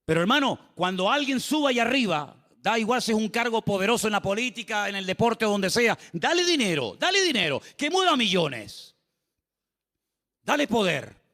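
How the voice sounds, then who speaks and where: A male pastor preaching a sermon from the pulpit, animated, full of rhetorical questions and asides to the congregation. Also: high voice, moderate pace. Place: church sanctuary. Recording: long church-hall reverb.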